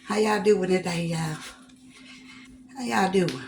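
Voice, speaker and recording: Low-pitched woman chatting while eating. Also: slow pace, a little hiss or hum. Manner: repeats phrases, folksy and preachy asides. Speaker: vlogger. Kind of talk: casual chat while eating on camera.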